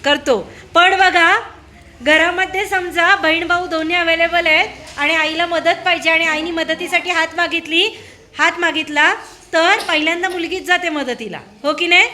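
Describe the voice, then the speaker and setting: A woman's voice: very high-pitched, steady tone, moderate pace, pushed and bright, a little hiss or hum. A woman questioning a class of schoolchildren in a school room, prodding them with repeated, coaxing questions.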